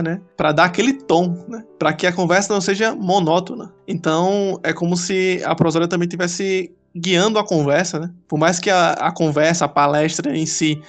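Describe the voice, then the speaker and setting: Curious, relaxed male interviewer. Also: a little high. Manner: curious, relaxed, laughs easily. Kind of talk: casual interview talk.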